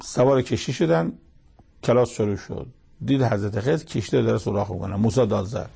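A man's voice: on the low side, gravelly, dark tone, breathy edge. A man giving short verse-by-verse Quran commentary, telling the scripture story plainly with everyday sayings. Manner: plain storytelling with colloquial asides.

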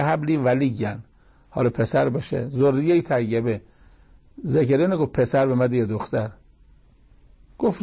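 Guy giving a sermon, gravelly low-key voice, chatty teaching tone. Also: dark tone. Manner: explanatory, plain conversational teaching with quoted asides. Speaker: cleric. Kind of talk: religious lecture.

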